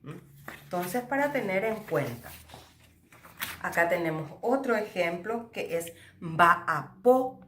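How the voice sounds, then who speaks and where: Woman, language teacher, slow and explanatory, echoey room. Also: fairly low pitch, very animated, a bit bright, a little hiss or hum. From Paraguay. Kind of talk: recorded language lesson.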